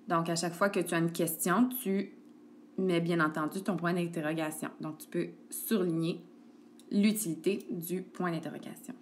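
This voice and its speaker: A woman teacher walks a child through a grammar lesson. She is patient and steady, full of little "ok"s and "donc"s. It is recorded on a tablet screencast. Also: fairly low pitch, a little hiss or hum. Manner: patient, addresses the child directly with frequent "ok" and "donc". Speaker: elementary school teacher.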